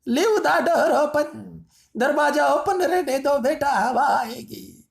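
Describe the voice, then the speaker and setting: A man's voice: very high-pitched, lively intonation, takes it slowly, gravelly, pitched above the performer's own voice, full character voice. A man doing a whiny old man begging for air. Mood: pleading.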